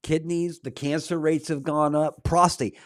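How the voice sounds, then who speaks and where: A man's voice: a little high, level tone, unhurried, dry recording. Rambling man in his forties, dry sound. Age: 40s. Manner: rambling, peppers talk with "man". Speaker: podcast host. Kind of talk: casual conversation.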